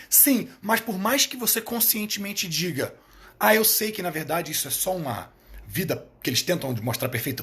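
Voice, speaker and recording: Blunt, high-pitched man on a live stream. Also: fairly bright tone. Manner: blunt, emphatic, repeats phrases for punch; swears casually. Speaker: live stream host, therapist coach. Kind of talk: casual monologue on a live stream.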